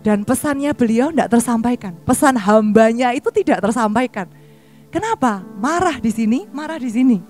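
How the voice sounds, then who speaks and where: A woman, preaching a sermon and telling a marriage story in a lively, expressive way. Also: moderate pace, soft background music. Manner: storytelling, acting out a quarrel with rising pitch.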